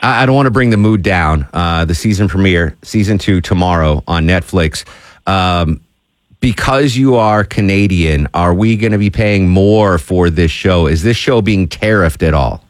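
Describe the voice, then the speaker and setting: A man's voice: low voice, moderate pace, no echo, studio quality. A man hosting a radio talk show, interviewing a guest in a playful, promotional way.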